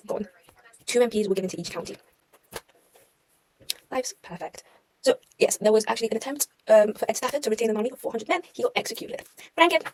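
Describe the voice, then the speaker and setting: Fast-talking young woman revising aloud. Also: a little high, darkish tone, husky, low-quality recording. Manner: chatty, self-mocking, trails off and corrects herself. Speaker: student revising history. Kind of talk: casual spoken revision notes.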